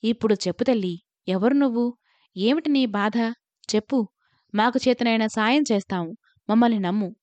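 A kind, fatherly temple priest who speaks softly and consolingly, as a woman reads him in a story. The voice sits fairly high and the recording is dry and a bit dull. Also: normal speed, no room sound, lightly acted. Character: kind, gentle older male temple priest.

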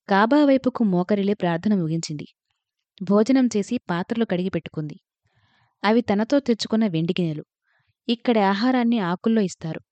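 Woman reading a story aloud, measured and reflective, mellow voice, kinda dull lo-fi audio. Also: medium pitch, no echo. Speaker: narrator. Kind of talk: literary story narration. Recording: dull lo-fi, dry recording.

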